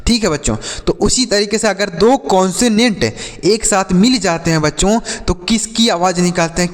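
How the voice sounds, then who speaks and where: A man teaching an English phonics lesson to children. He asks questions and answers them himself, and slows down to spell out letters. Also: on the high side, in a large hall.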